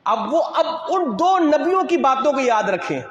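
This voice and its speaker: A male religious scholar delivering an impassioned devotional sermon with chant-like recitation and drawn-out exclamations. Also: very high-pitched, very animated. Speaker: religious scholar teaching hadith. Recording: echoey, dull lo-fi hall.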